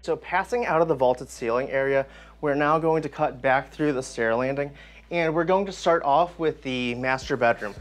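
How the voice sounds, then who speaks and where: A man's voice: mid-range voice, moderate pace, faint music behind. A man in his thirties hosting a walking tour of an old house, enthusiastically guiding viewers from room to room. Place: empty old house, indoor rooms.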